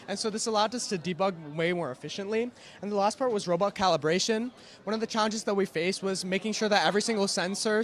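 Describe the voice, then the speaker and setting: A young man with a high voice presents his team's project at a brisk clip. He explains step by step and strings his points together with connecting phrases. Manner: quick, explanatory, with frequent "and so" links. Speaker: student presenter. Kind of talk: team presentation.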